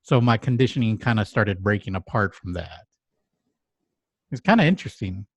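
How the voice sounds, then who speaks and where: A man from Mexico, co-hosting a podcast, talking in a reflective, halting way with many restarts and pauses. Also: lowish voice, animated, dry recording. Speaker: podcast co-host. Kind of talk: reflective casual conversation.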